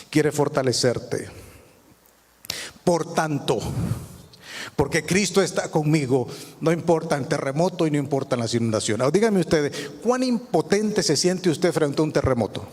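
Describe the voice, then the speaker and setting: A man's voice: on the high side, animated, moderate pace, long pauses, a little mellow, slightly rough. A male pastor preaching a sermon, asking the congregation rhetorical questions. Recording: long hall reverb.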